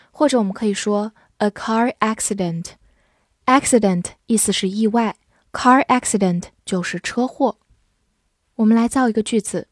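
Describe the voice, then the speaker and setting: A woman teaching English words in a measured, unhurried way, spelling each one out letter by letter. Her voice sits at a middle pitch. The recording is dry and close, with no room sound. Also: no room sound. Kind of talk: vocabulary lesson.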